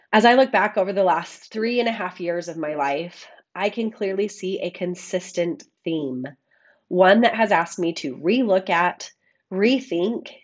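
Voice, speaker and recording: A woman's voice: medium pitch, lo-fi sound. Scratchy, frog-voiced woman hosting a podcast. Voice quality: scratchy, froggy voice. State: hoarse with a cold. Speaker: podcast host. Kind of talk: reflective scripted monologue to listeners. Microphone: makeshift microphone, not a studio one.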